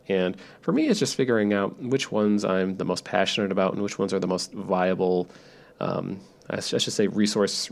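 Man, lowish pitch, heavy vocal fry, drowsy gravelly tone, relaxed rambling monologue, self-deprecating podcast host. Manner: low-key, self-deprecating, thinking out loud. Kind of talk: rambling, relaxed stream-of-consciousness monologue for sleep listeners.

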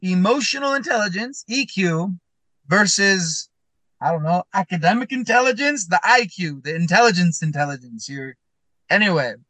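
A man's voice: sits high, expressive, normal speed, bright, forceful tone, dry recording. A male podcast host chatting casually from his van, his voice sounding tinny through a laptop's built-in mic, often restarting his sentences. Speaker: podcast host, school counselor. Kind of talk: casual chat. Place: inside his van while traveling.

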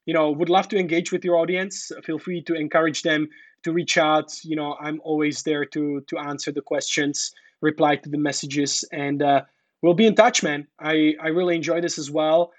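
A podcast guest from the talks in a relaxed, rambling way, padding his points with fillers. His voice sits fairly high with little melody, and the recording is dry and close. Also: normal speed, dry recording. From Czech Republic. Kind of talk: casual interview talk.

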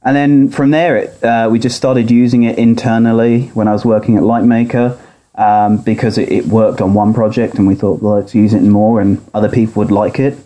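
A man explaining technical work as a podcast guest, recorded through a laptop speaker rather than a proper microphone, in a measured conversational way. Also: lowish voice, little pitch movement, mellow. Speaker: podcast guest, software architect. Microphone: laptop's built-in audio, not a microphone. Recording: picked up by laptop speaker, poor audio.

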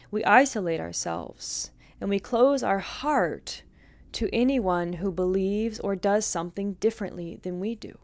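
Calm woman yoga teacher. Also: mid-range voice, vocal fry, dry recording. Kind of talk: reflective spoken teaching.

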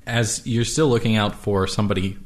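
A man narrating a tabletop game as game master, describing scenes in a casual, halting, improvised way. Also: lowish voice, fairly even intonation.

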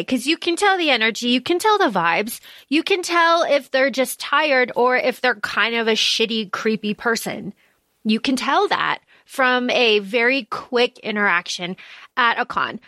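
A woman with a high, crisp and bright voice hosts a casual fandom podcast. She talks playfully and with emphasis. The recording is dry, with hardly any room sound. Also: dry recording. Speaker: podcast host.

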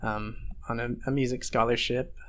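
A man in his thirties from Texas, a ceramic artist answering interview questions in a relaxed, hesitant way with many pauses and ums. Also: mid-range voice. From Fort Worth, Texas.

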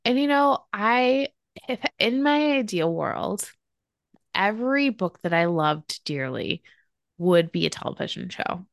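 A woman's voice: medium pitch, animated, measured pace, gravelly, no echo. Chatty woman podcast host, dry sound. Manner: gushing, chatty, many fillers. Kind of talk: casual book and film chat.

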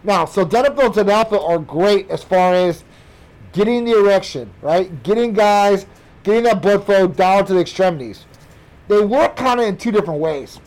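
An American man hosting an energetic talk show, speaking emphatically with his voice muffled by a face mask. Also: high voice, normal speed. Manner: emphatic, repetitive, addresses listeners as guys. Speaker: podcast host.

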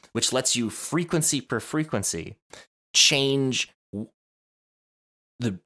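A man's voice: lowish voice, fairly bright tone. A man co-hosting a podcast, explaining audio production in casual chat, rambling with many restarts and self-amused asides. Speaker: podcast co-host.

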